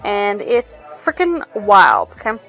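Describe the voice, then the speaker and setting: A woman's voice: medium pitch, wildly swooping pitch, slow, creaky, a bit bright, soft background music. A woman reviewing a novel in casual chat, rambling with many fillers and swearing freely. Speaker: book reviewer.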